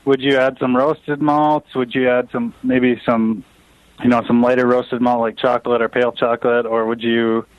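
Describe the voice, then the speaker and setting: A man's voice: medium pitch, little pitch movement, moderate pace, dry recording, dull audio. A man calling in as a homebrew guest, talking casually with many fillers and restarts. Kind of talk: casual chat on a call.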